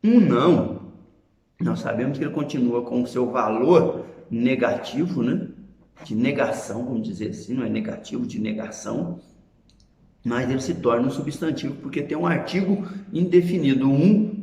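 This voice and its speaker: A man's voice: mid-range voice, normal speed, vocal fry, darkish tone, reverberant. A man with a Brazilian Portuguese accent teaching a grammar lesson, explaining patiently and often checking in with short tag questions.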